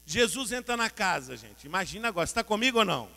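A Brazilian man preaching a sermon with a Brazilian Portuguese accent, telling the story in colloquial, lively style and often addressing the audience directly. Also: sits high, quick pace, gravelly, big-room sound.

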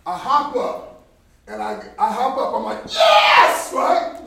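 A man giving an animated sermon at a Bible study, swinging between shouts and quiet passages. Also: high-pitched, measured pace, creaky. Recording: echoey hall, distant, faint noise.

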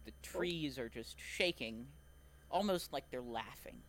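A man narrates a tabletop game as its game master, describing scenes calmly. His voice sits in a middle register. A faint noise runs under his voice. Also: medium pitch, measured pace.

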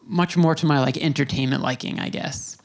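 A man's voice: mid-range voice, steady tone, a little fast, creaky. A man hosting a casual interview podcast, asking questions hesitantly with many fillers. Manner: hesitant, many likes and ums. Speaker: podcast host.

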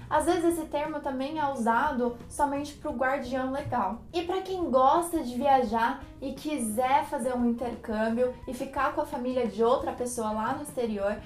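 A woman with a Brazilian Portuguese accent, a native Portuguese speaker, teaching English vocabulary and saying each word slowly and carefully for her students to repeat. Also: sits high, reverberant. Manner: slow, careful pronunciation of English words. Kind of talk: vocabulary lesson with repeat-after-me drills.

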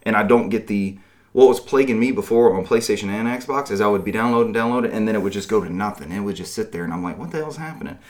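Low-voiced man chatting about games. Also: quick pace. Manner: rambling, storytelling with quoted asides. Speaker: podcast host. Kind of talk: casual gaming chat.

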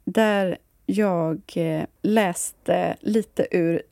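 A woman with a Stockholm accent hosting a podcast, chatting casually and reading aloud with a playful deadpan. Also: on the low side, vocal fry, no room sound, clean studio sound. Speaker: podcast host.

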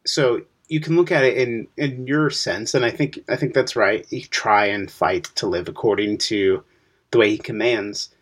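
A man's voice: fairly low pitch, normal speed, husky. A man co-hosting a podcast, explaining a Bible passage in casual discussion and posing questions to the listener. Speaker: podcast co-host.

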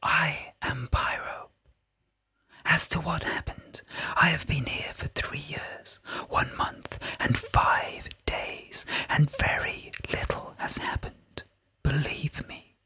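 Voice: medium pitch, fairly even intonation, takes it slowly, bright, forceful tone, no echo, voice pushed up, full character voice. A tiny, mischievous earth spirit that tinkles and giggles, speaking in a faint, airy whisper that sounds as if it drifts from just off to one side, as a narrator puts it on. It is dry and wry, amused by the humans around it. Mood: whispery. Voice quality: breathy whisper.

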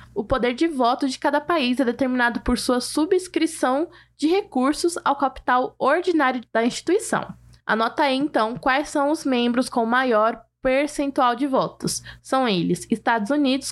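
A woman co-hosting a news podcast, reading scripted explanations in a friendly way and talking straight to listeners. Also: high voice.

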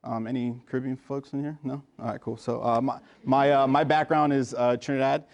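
A man's voice: mid-range voice, fairly even intonation, brisk, vocal fry, a little mellow. A man from the United States, a pharmacist in his thirties, giving a casual talk to pharmacy students in a lecture room, with lots of fillers and restarts. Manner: informal, many fillers and restarts. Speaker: guest speaker, pharmacist.

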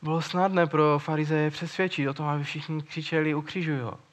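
A man's voice: fairly high pitch, little pitch movement. A man preaching a sermon in an earnest, searching way, often repeating words as he thinks.

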